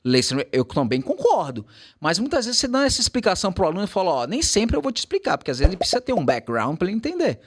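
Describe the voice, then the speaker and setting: Brief: male English tutor, Portuguese native, lively swooping delivery, careful slow demos of English sounds. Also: high voice. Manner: animated, switches to slow careful English examples. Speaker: English teacher. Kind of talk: casual teaching chat.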